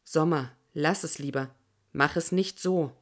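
A woman voicing a soft-spoken imagined man. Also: unhurried. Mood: resigned. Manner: soft, low and hushed. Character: imagined man, soft, coaxing, later resigned.

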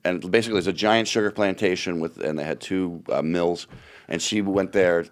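A man's voice: deep voice, normal speed. A middle-aged man, a comedian guest, rambling through self-deprecating stories in casual chat.

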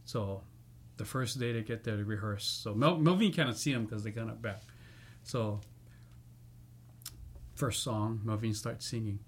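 A man telling stories in a casual chat, laughing often and animated when he acts out quotes. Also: fairly low pitch, normal speed, slightly rough. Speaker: musician guest.

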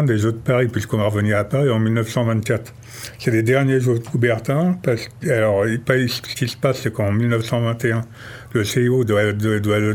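A man's voice: fairly low pitch, darkish tone. A man speaking as a radio guest, telling a history story casually with some restarts.

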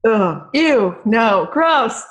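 A woman's voice: fairly high pitch, big pitch swings, drawn-out words. Sassy, swearing woman podcast co-host. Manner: sassy, profane and emphatic. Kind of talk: casual podcast chat.

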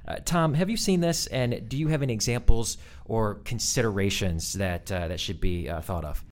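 A man with a somewhat low voice hosts a podcast. He speaks as the moderator of a professional discussion. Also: moderate pace. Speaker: podcast host.

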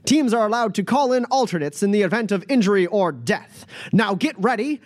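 [name], a man doing a booming arena announcer. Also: expressive. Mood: hyped. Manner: loud, high, drawn-out showman calls. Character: booming showman male arena announcer, loud and gleeful. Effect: booming announcer voice carrying from outside the room.

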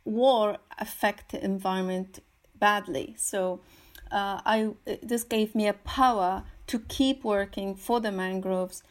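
Halting Syrian-born woman artist speaking. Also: medium pitch, fairly even intonation. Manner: halting, many fillers and repeated words. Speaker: guest, artist. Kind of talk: interview answers.

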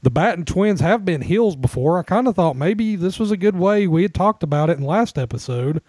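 A man talks in a loose, rambling way, stopping to restart his sentences and laughing easily. His voice sits a little high for a man. The sound is dry and close, with no room echo. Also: animated, fairly quick, a little mellow. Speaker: podcast co-host. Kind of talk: casual chat about wrestling.

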